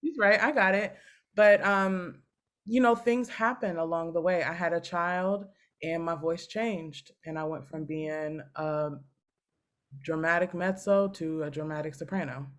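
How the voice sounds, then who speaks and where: A woman in her thirties, a guest on a podcast, telling her story in an animated, chatty way with laughs. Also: lowish voice, a little slow. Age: 30s. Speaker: guest opera singer. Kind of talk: casual podcast chat.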